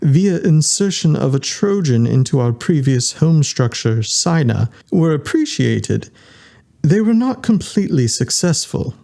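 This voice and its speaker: A man voicing a polite, precise male robot in a formal, measured way. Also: on the high side, sing-song, gravelly, warm tone, voice pushed up, heavily acted. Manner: formal, measured, strange electronic tone.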